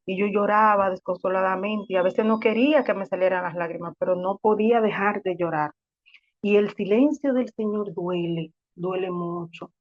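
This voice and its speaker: A woman's voice: mid-range voice, moderate pace, dull audio. Earnest woman sharing a faith testimony. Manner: earnest, reflective, with restarts. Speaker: testimony speaker.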